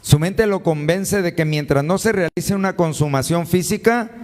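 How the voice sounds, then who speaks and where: A man's voice: high-pitched, moderate pace, a little mellow, big-room sound. A male pastor preaching a sermon, firing rhetorical questions at his congregation and calling them brothers and sisters. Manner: addresses listeners as brothers and sisters.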